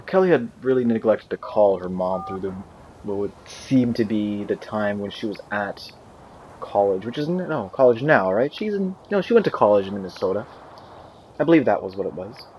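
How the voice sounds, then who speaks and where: A man's voice: on the low side, lively intonation, moderate pace, darkish tone, a little hiss or hum, poor audio. Casual young man rambling over gameplay. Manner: rambling and self-correcting, with dry asides. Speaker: gaming video host. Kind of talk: casual let's-play commentary. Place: indoor room near a window on a windy day.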